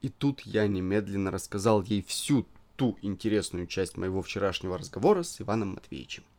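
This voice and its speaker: A male stage actor reading classic literary prose aloud in a theatrical, expressive way. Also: low-pitched, a little fast. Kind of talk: literary audiobook narration.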